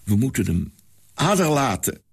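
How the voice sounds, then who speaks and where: A man voicing a tiny, hobbling old servant with a hoarse, raised voice and a fussy manner. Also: mid-range voice, very animated, moderate pace, pitched above the performer's own voice, heavily acted. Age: older.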